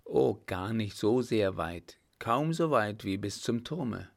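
Picture a cheeky, loyal young manservant who talks in a jaunty, plain way, as a male reader puts him on. The voice is slow and carries a rough, creaky grain. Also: lowish voice, animated, exaggerated voice.

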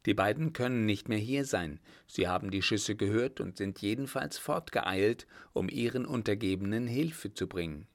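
A resolute young lieutenant gives firm, commanding orders in a low voice, as a male narrator plays him. The audiobook hero stays calm and decisive. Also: normal speed, hardly any pauses, close to an everyday voice. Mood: grave. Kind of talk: audiobook reading.

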